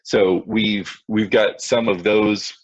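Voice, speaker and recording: A man's voice: on the low side, little pitch movement, slow, slightly rough, dry recording. A male teacher giving a live online class lesson over a video call, talking to his students directly in a casual, self-mocking way. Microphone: computer mic on video call. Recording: dull lo-fi video call audio.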